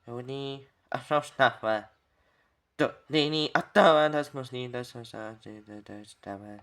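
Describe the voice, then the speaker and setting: A man gives a rambling, halting commentary for his channel and keeps repeating himself. His voice sits at an ordinary pitch but sounds bright and crisp. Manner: halting, repetitive, trailing off. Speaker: video uploader commenting on an old TV recording.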